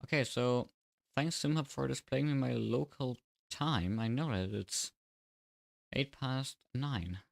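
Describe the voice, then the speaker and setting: A man's voice: medium pitch, slow, gravelly, no echo. Man livestreaming with braces, very dry sound. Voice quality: slightly slurred, odd S sounds from new braces. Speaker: livestreamer and sim racing commentator. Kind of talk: casual livestream chat and race commentary.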